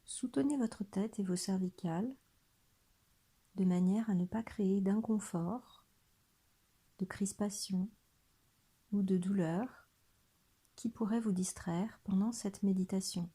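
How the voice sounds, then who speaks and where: Long pauses fill this body scan meditation, led by a woman whose medium-pitched voice is breathy, soft and close to a whisper. Her tone is calm, gentle and soothing.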